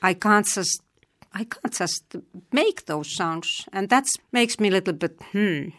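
A language teacher in middle age, from eastern Finland and with a Finnish accent, gives considered interview answers full of pauses and restarts. Her mid-range voice carries lively intonation and a fairly bright tone.

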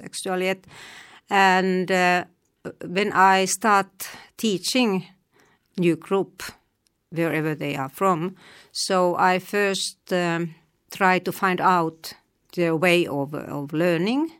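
A middle-aged woman from eastern Finland with a Finnish accent, a language teacher answering interview questions thoughtfully, with many pauses and restarts. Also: fairly low pitch, fairly bright tone.

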